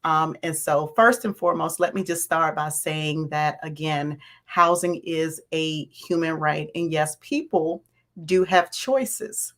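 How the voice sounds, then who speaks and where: A woman with a raspy voice hosting a live stream, greeting viewers by name and repeating her points. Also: deep voice, takes it slowly, a bit bright. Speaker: host of a livestream on landlord and tenant topics.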